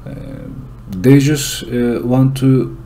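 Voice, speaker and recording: In this solo English monologue, a channel host from Turkey explains his views earnestly and deliberately, his Turkish accent clear. The voice is medium-pitched and warm, with a little hiss or hum in the background.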